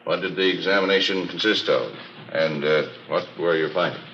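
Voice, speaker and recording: In a 1950s radio courtroom drama, an actor with a low, slightly bright male voice plays a courteous, methodical prosecutor. His questioning is formal, businesslike and deliberate, broken by throat-clearing and hesitations. The old radio recording is muffled and noisy.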